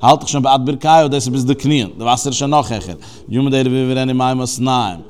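A man giving a text study lesson, going through scripture phrase by phrase and explaining each Hebrew term. His delivery is conversational, with restarts and fillers. His voice sits at an ordinary middle pitch for a man. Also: fast, darkish tone, clear, resonant tone. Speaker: religious teacher.

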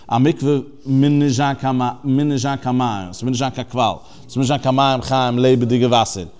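A man's voice: medium pitch, fairly even intonation, normal speed, a little mellow, clean tone. Man explaining a religious text. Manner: explains Hebrew terms phrase by phrase; conversational, with restarts and fillers. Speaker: religious teacher. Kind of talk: text study lesson.

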